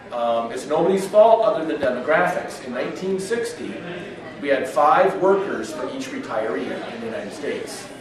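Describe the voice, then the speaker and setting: A Northern California political candidate in his fifties, hoarse with a cold, delivers an earnest, steady campaign speech heavy with figures. His voice is medium in pitch. He's recorded from far off in an echoey restaurant function room, with crowd chatter murmuring in the background.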